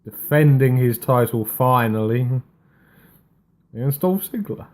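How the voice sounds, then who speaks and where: A man's voice: medium pitch, expressive, unhurried. A man co-hosting a wrestling podcast in casual chat, sounding unenthusiastic and dismissive. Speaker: podcast co-host.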